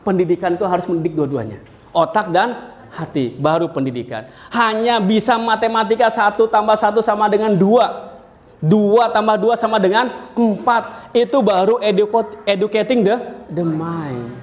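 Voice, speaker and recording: High-voiced man lecturing a class. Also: normal speed. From Indonesia. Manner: animated storytelling with questions to students. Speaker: university lecturer. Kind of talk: classroom lecture with jokes and anecdotes. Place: university classroom.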